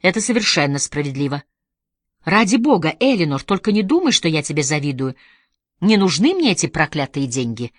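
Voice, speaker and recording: Woman voicing a halting, guilty young man, low and dry, audiobook read. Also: sing-song, no room sound. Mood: earnest. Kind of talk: audiobook reading.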